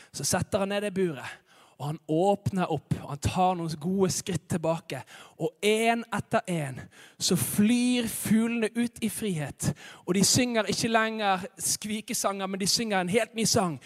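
A man preaching a sermon, telling a story with acted-out voices and drawing in the congregation. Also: high-pitched. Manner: animated, acts out characters and bird cries, engages congregation.

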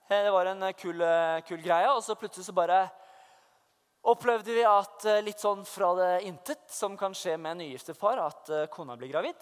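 A young man with a high-pitched voice preaches a personal testimony as a church youth leader. He speaks fervently, dropping to hushed asides and then rising into loud proclamation. The voice carries a long reverb from a large church hall. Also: smooth. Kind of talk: sermon testimony.

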